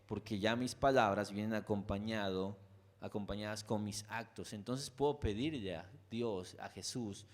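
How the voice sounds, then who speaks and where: A man with a Mexican accent preaching a conversational sermon. He speaks straight to his listeners with frequent asides, swinging between loud, emphatic peaks and quiet, low lines. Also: normal speed. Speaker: pastor.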